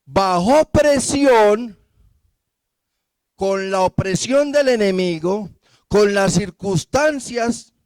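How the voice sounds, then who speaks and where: Lively Colombian preacher man. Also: high voice, slow pace, clean tone, no room sound. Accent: Colombian Spanish. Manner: lively, acts out Bible characters in asides. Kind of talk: sermon.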